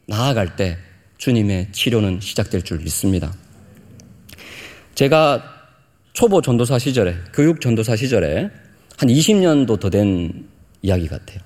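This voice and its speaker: A middle-aged man preaching a sermon as pastor, with emphatic high-pitched peaks. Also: a little mellow, long reverb tail.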